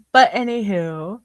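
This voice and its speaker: A woman's voice: mid-range voice, no room sound. A young woman co-hosting a podcast, chatting casually and telling a story with frequent laughs and filler words. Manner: chatty storyteller, laughs often, says "anywho". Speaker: podcast co-host. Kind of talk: casual chat.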